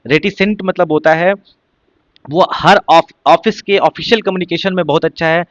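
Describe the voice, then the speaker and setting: A man's voice: on the high side, fairly even intonation, normal speed, dry recording, dull audio. A male teacher giving an exam-prep vocabulary lesson, repeating points and asking rhetorical questions. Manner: repetitive, explains with rhetorical questions.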